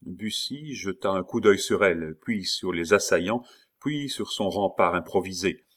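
A man reading a classic novel aloud as an audiobook narrator, steady and measured. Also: sits low.

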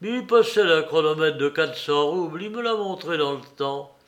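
A man narrating a classic novel in a deliberate reading manner. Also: fairly high pitch, animated. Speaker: audiobook narrator.

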